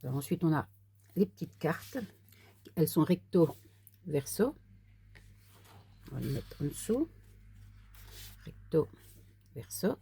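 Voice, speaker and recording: A crafter with a low, gravelly voice demonstrates a card kit in a casual tutorial, working with paper as she talks. She comes across as very animated, yet her delivery stays soft and unhurried.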